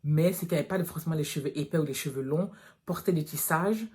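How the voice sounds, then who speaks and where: A woman's voice: deep voice, fast talker, warm tone. Frank woman vlogger talking straight. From France. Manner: frank and direct, addressing viewers as girls. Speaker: natural hair vlogger. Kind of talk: casual vlog talk to viewers.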